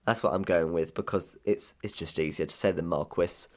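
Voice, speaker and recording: A young man with a faint lisp talks through theatre news in a casual, chatty way. His voice sits a little on the low side, and he wanders into opinionated, self-deprecating asides. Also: steady tone, normal speed. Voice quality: slight lisp. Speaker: theatre news podcast host. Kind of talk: casual solo news chat.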